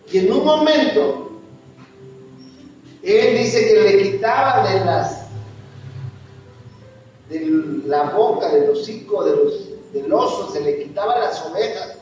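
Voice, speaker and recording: A man's voice: high-pitched, darkish tone. A man with a Mexican accent preaching a sermon, pressing his listeners with repeated rhetorical questions. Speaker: pastor. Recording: echoey hall, distant mic, dull sound.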